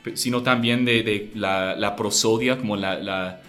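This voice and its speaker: A man talks in Spanish with a noticeable foreign accent, his voice sitting on the lower side. He is thoughtful, pauses and restarts words as he searches for them. Faint music plays underneath. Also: fairly even intonation, fairly bright tone. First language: not Spanish. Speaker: conversation partner. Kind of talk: casual conversation.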